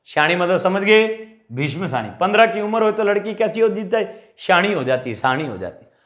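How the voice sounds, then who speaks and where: A man teaching a Hindi exam class, drilling memory tricks with animated repeated questions and answers. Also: sits high, a little fast, echoey room. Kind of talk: mnemonic lecture.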